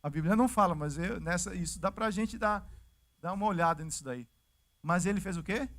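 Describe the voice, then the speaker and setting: A male pastor with a Brazilian Portuguese accent, preaching a sermon in a lively, conversational way and acting out the scripture scenes. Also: sits high, brisk. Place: church service.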